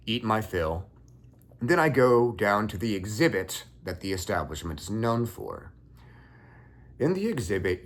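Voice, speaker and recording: A young man calmly recounting a dream in a measured first-person story. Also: on the low side. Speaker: occult content creator.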